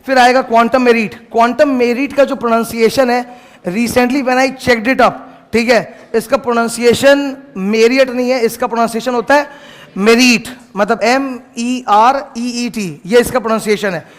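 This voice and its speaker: A man's voice: very high voice, steady tone, normal speed. A man teaching law to a class in a casual lecture, stopping at times to scold the noisy students. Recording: long hall reverb.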